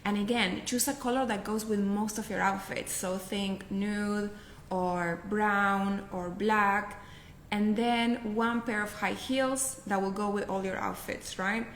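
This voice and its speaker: A woman with a Spanish accent, a native Spanish speaker and professional packer appearing as a guest, gives upbeat, instructive packing advice in a casual chat, often adding "right?". Her medium-pitched voice is unhurried with fairly even intonation, heard in an echoey room with slight hiss or hum.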